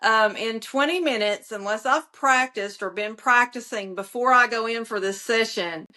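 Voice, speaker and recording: A woman co-hosting a casual podcast chat about yoga, talking playfully in drawn-out phrases and laughing often. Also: fairly high pitch, sharp tone. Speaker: podcast co-host, yoga teacher.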